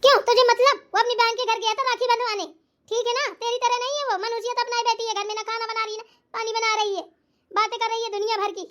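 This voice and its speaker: A woman voicing a bossy, scolding old mother-in-law in a cartoon, with a Bundelkhandi accent and a shrill, nagging voice. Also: fairly even intonation, brisk, fairly bright tone. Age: older. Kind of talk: cartoon voice acting.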